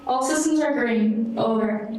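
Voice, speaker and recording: A woman's voice: a little high, unhurried. A woman acting as spacecraft comm officer, heard over an intercom in a space-mission role-play and speaking in formal radio protocol. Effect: heard over an intercom speaker in a sci-fi mission role-play. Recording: echoey intercom sound from far off with faint noise.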